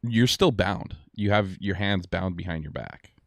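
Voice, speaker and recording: Deep, gravelly game master. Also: male voice, no room sound, studio quality. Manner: casual, halting, explanatory. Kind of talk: narrating and ruling a tabletop game.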